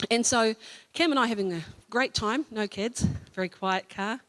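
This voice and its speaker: A woman's voice: on the high side, unhurried, a bit bright. Chatty New Zealand woman giving a sermon. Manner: storytelling, chatty with fillers and self-corrections. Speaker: church speaker. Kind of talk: informal sermon talk. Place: church hall.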